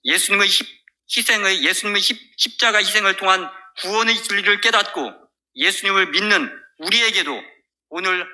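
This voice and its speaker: A man's voice: sits high, moderate pace, pushed and bright. A male pastor preaching a sermon, retelling a Bible story in a storytelling manner. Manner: storytelling with many fillers and restarts.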